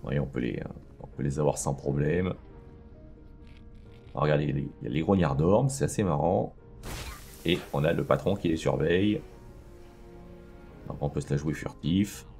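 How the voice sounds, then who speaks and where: A man's voice: very deep voice, normal speed, vocal fry, pauses often, mellow, soft background music. A man hosting a let's play, chatting casually and thinking aloud with lots of fillers as he plays. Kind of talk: casual gameplay commentary.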